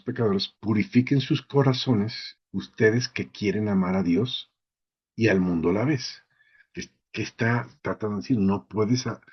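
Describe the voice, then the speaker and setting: A man's voice: fairly low pitch, breathy edge. A man preaching an informal sermon, who often checks in with his listeners. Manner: conversational, asks the listeners "¿sí?" often. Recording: dull lo-fi recording.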